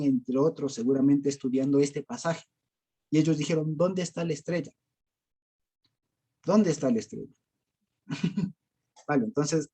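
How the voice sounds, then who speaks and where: This Bible study teacher speaks Spanish with an Ecuadorian accent, his voice on the high side, mellow and husky. He keeps things casual, laughs frequently, leans on fillers and quizzes the group with rhetorical questions.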